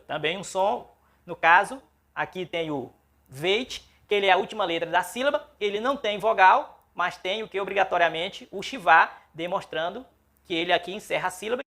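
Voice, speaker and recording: A man's voice: high voice, creaky, pushed and bright. A man, a pastor teaching a biblical Hebrew lesson, patiently spelling out syllables and checking in with "ok?". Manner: patient, checks understanding with frequent "ok?"; spells out syllables slowly and repeats them. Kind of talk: classroom-style language lesson.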